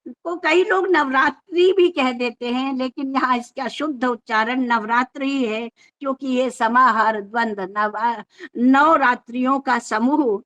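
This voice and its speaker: Speaking in a high, slightly bright voice, this woman lectures on scripture in a formal, measured way. Her explanation proceeds step by step, with occasional restarted words.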